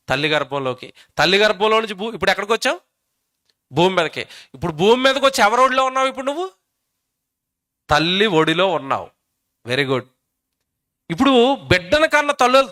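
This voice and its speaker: A man preaches a sermon, firing emphatic questions at his listeners. His voice is high-pitched and bright. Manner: emphatic, keeps quizzing the audience.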